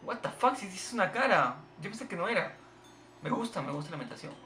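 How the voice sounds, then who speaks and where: Guy yelling at a video game, lively up-and-down voice, game music behind. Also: high-pitched, quick pace, roomy sound. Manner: excitable, swearing, shouting at the game. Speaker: gamer playing a game on video. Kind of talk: live gameplay commentary.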